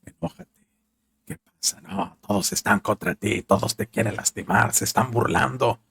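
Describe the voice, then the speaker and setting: A man's voice: lowish voice, lively intonation, normal speed, vocal fry, fairly bright tone, husky, full character voice. A man voicing personified Folly as a spiteful tempter, in an insistent, goading way. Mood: suspicious.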